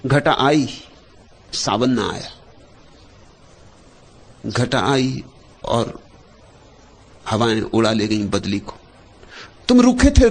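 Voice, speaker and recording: A man delivering a meditative spiritual discourse as a teacher, speaking in short, measured phrases with repeated refrains. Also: on the high side, breathy edge.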